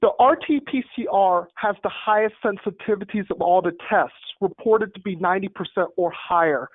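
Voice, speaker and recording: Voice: mid-range voice, normal speed. A medical presenter joining a town hall over a group call line, explaining testing step by step in a methodical way. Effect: heard over a group call line. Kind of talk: technical slide presentation. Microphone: remote call connection. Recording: tinny phone-like call audio, dry.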